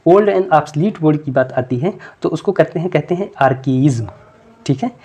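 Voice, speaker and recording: A man teaching English literature terms for an exam, asking questions and repeating each answer back, reading English question lines out slowly. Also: fairly high pitch, lively intonation, a little mellow, slightly rough. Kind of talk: exam-prep lecture.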